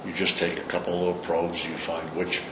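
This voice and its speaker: A man's voice: low-pitched, monotone, normal speed. Blunt older man, Brooklyn accent, echoey room. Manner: blunt, salty, opinionated. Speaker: interviewee. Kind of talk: informal storytelling in a recorded interview. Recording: echoey room, clear background noise.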